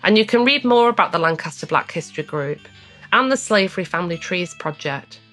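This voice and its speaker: A woman podcast host reading a measured, earnest scripted narration. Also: on the low side, expressive, fairly bright tone. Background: faint music.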